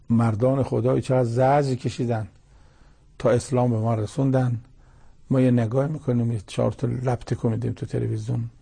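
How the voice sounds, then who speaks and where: A man's voice: medium pitch, gravelly, mellow, husky. A man preaching a religious sermon with Arabic scripture quotations, building long lists and asking rhetorical questions.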